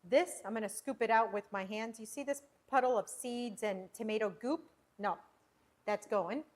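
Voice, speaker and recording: A woman chatting her way through a cooking livestream in her home kitchen. Her voice sits a touch high, and she rambles warmly, doubling back on her words as she talks viewers through each step. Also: normal speed. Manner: chatty, rambling with restarts and fillers. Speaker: cooking show host. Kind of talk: casual livestream cooking chat.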